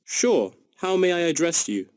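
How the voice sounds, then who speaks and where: A man's voice: fairly high pitch, sing-song, a little slow, darkish tone, dry recording. A man playing a courteous printing company employee in a scripted listening-test dialogue.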